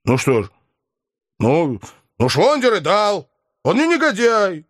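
A coarse, defiant young lout whines in rough slang, as a man reads him in a storybook. The voice is pitched high and swings widely, and the recording is dry. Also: wildly swooping pitch, takes it slowly, dry recording, heavily acted. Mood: crude. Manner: coarse colloquial speech.

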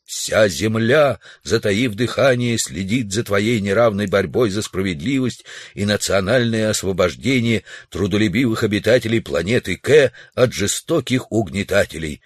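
A man's voice: fairly low pitch, animated, moderate pace, few pauses, husky, dry recording, clean studio sound. A man reading an audiobook voices an earnest school friend giving a rousing pep talk.

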